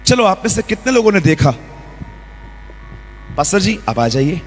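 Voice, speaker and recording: A man preaching a lively sermon in a church, acting out quotes and scenes as he goes. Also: high-pitched, moderate pace, faint music behind. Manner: lively preaching with acted-out quotes and role-play. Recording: long hall reverb.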